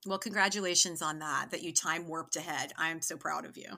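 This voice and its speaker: A woman's voice: deep voice, brisk, creaky, pushed and bright. A woman taking over as interviewer, playful and joking in casual chat. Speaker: guest interviewer.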